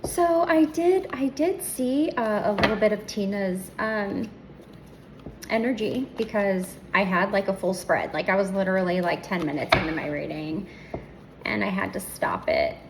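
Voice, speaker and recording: Hoarse, softly whispering tarot reader woman. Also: mid-range voice, lively intonation, normal speed, background noise. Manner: soft, often drops to a breathy whisper. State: slightly hoarse, losing her voice. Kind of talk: casual spiritual reading chat.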